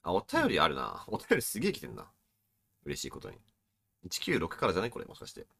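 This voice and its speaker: A man co-hosting a casual podcast, reading listener letters aloud with quick, expressive delivery and frequent laughter. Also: sits low, gravelly, husky, dry recording. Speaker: podcast co-host.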